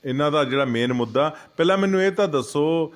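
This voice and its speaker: A man's voice: a little high, animated, fairly quick. Emphatic man. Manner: heated, emphatic, acts out what others say. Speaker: senior party leader, interviewee. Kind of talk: political interview.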